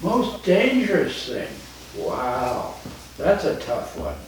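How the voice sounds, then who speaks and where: A very old man of ninety-nine chatting casually with children in a halting, rambling, jocular way. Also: mid-range voice, huge pitch swings. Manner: jocular, chuckles often. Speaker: elderly guest, retired forester. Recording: very echoey room, distant mic, faint noise.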